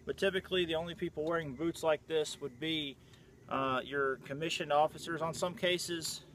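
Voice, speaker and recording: A man, a Civil War reenactor, chatting casually to the camera outdoors about his uniform gear, relaxed and full of fillers. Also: on the high side, normal speed, a little hiss or hum. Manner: relaxed and conversational, frequent "uh" fillers. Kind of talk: casual show-and-tell to camera.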